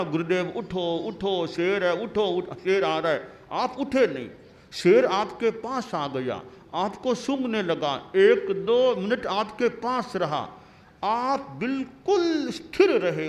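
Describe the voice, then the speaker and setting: A man's voice: sits high, heavily acted. A man voicing a young male disciple in a sermon story, calling out urgently and repeating himself. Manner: urgent pleading, repetitive calls. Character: young male disciple, anxious then amused. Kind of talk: acted quote within a sermon story.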